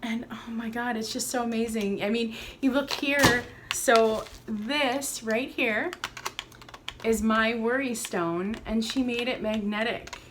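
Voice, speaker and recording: A young adult woman vlogging from home, gushing and excitable as she unboxes and shows art. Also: on the high side, slow pace, background noise. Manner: gushing, excitable, breathy exclamations. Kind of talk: casual home vlog, unboxing. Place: at home, indoors.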